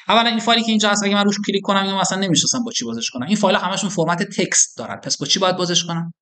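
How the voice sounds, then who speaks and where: A man's voice: on the high side, a bit bright. A middle-aged man giving a classroom lecture, explaining step by step and asking his students questions as he demonstrates on screen. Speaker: university lecturer.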